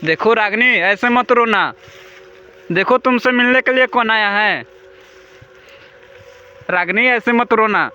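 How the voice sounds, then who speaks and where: A man's voice: sits high, slow pace, pauses often, bright, forceful tone, highs cut off, slight background noise. A man vlogging a night ghost hunt in an abandoned hut, calling out nervously and pleading with an unseen spirit. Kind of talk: spooky exploration vlog narration.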